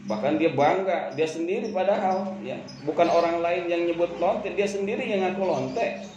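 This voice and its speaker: Speaking at normal speed, a male Islamic preacher gives a lively sermon at a study gathering, chanting Arabic quotes before explaining them with casual street slang and acted banter, moving from loud emphasis to quiet asides. The muffled recording comes from an echoey room with faint background noise.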